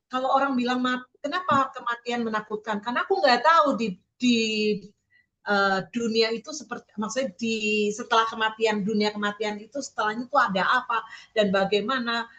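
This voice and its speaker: Woman teaching the bible on a call, fairly high voice, keeps asking the listeners questions, reads verses slow and stressed. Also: a bit bright, rough recording. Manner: addresses listeners directly, often asks them questions; reads scripture slowly and stresses key words. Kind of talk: sermon-style teaching. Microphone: online meeting with listeners muted.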